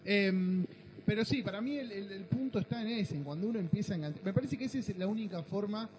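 A man's voice: sits high, quick pace, over music, poor audio. An Argentine man hosting a casual podcast chat in a slangy, offhand way. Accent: Argentine Rioplatense.

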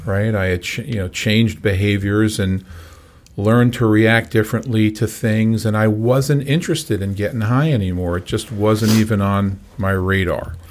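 An older man in his sixties, speaking as a guest on a recovery talk show. His voice sits low, and he talks in a halting way, full of fillers and false starts. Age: 60s. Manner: halting, many fillers and restarts. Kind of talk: casual conversation.

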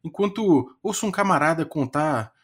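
A man's voice: on the high side, lively intonation, normal speed, breathy edge. A man with a Brazilian Portuguese accent hosting a podcast in an informal, slangy, chatty way. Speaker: podcast host.

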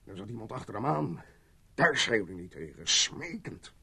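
Scared suspect, gravelly and husky, stammers, dubbed film. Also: male voice, medium pitch, very animated, moderate pace, bright, forceful tone, exaggerated voice. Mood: frightened. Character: shaken man hiding a fatal accident.

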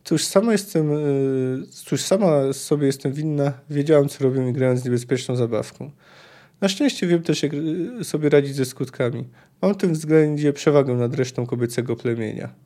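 A man's voice: a little high, normal speed, dark tone, natural voice. A man reading the lines of a proud, scorned sorceress in her prime from a fantasy novel, in his own voice, bitter and pleading.

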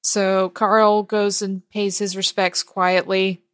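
A woman with a mid-range voice speaks slowly in a level tone, narrating a scene to her players from the head of a gaming table as game master of a tabletop role-playing game. She's heard up close, with no room echo.

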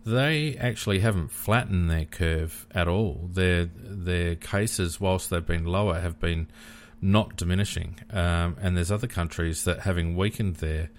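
Australian man, low voice, measured podcast host thinking aloud, faint background noise. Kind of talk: casual sports discussion.

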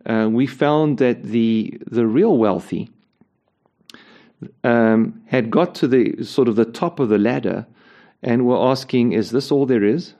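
A man's voice: medium pitch, slow, mellow. A man, a ministry leader, answering an interview question by telling a story earnestly, often repeating words as he starts a phrase.

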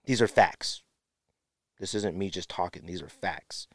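Speaking at a measured pace, this male podcast host has a deep voice with a fairly bright tone. His commentary is opinionated, he's sniffly with a runny nose, and he repeats phrases to drive points home. It's a dry, studio-quality recording made close on a podcast microphone.

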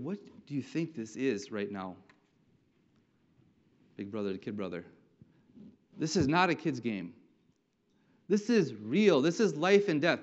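A man's voice: fairly low pitch, dark tone, voice pushed down, close to an everyday voice. A man voicing a stern, condescending older brother who lectures and rebukes his younger sibling, in a dull lo-fi recording. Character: scolding big brother Eliab, grown man, stern. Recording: dull lo-fi sound.

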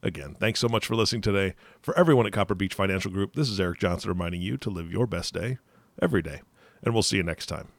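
A man's voice: low-pitched, quick pace. A man hosting a podcast, with casual talk and a practiced sign-off to listeners. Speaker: podcast host and announcer.

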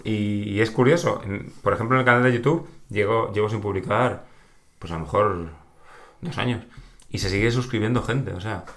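A man's voice: lowish voice, normal speed. A man with a Peninsular Spanish accent, chatting casually on a podcast, telling stories with frequent laughter. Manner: animated storyteller, laughs often.

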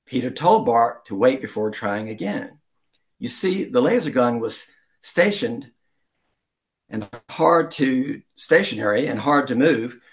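A man reads a children's story aloud as an amateur storyteller, going deliberately, with some stumbles and throat-clearing. His voice sits in the mid range with lively intonation.

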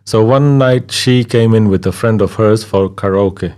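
A man, a DJ answering interview questions in a relaxed, chatty way with many fillers. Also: lowish voice, a little slow, clear, resonant tone. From Kenya. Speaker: guest, DJ. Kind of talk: conversational interview.

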